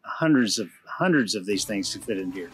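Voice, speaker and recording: With faint music playing behind him, a thirty-something travel vlogger speaks in a lowish voice at normal speed. He chats loosely about a road trip, telling it in a laid-back way with fillers and restarts, first in his RV and then outside at a campground.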